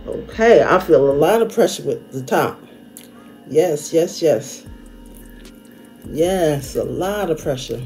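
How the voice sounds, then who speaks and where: Chatty woman vlogger, deep mellow voice, talking with a finger on her teeth. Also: lively intonation, slow, long pauses, faint music behind. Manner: chatty, plain-spoken. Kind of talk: casual vlog update.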